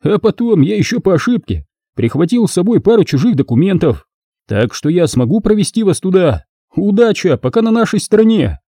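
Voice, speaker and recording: A man putting on a cocky young thief, raised high. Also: very animated, a little fast, warm tone, dry recording, studio quality, heavily acted. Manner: cheeky, boastful.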